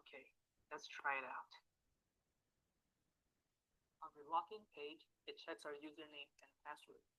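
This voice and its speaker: Bright-voiced teen boy narrating a demo. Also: fairly high pitch, unhurried, pauses often, low-quality recording. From Taiwan. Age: teens. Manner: scripted, even, reading through steps. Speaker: student presenting a project. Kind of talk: recorded project demo narration.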